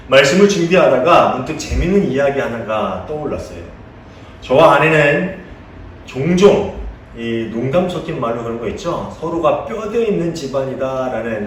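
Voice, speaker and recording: A man's voice: medium pitch, a little hiss or hum. A male pastor preaching a sermon in a conversational way, asking his congregation questions and telling playful anecdotes. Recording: echoey room heard from a distance.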